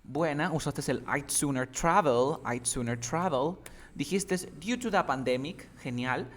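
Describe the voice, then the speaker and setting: A man's voice: on the high side, lively intonation, measured pace, a bit bright. A man teaching English one-on-one, giving feedback patiently and explaining step by step while often checking that his student understands.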